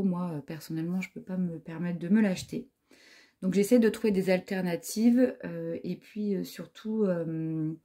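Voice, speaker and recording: A knitting vlogger in her forties chats casually about yarn she found, reviewing it in a fairly low-pitched, dark voice. She's hesitant, with many fillers and restarts.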